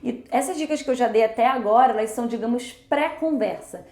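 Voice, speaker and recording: A woman teaching in a casual video lesson, chatty and quick, sometimes acting out examples. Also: a little high, dark tone, reverberant. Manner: chatty, fast-talking, switches into English examples. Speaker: English teacher.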